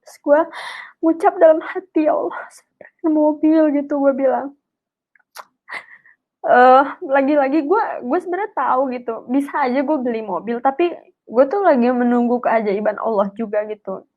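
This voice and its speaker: A woman's voice: sits high, normal speed, narrow, tinny audio. A young woman, telling a personal story in a chatty, heartfelt way on a live stream. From Indonesia. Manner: chatty, emotional testimony with slang and fillers. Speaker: speaker sharing a personal story.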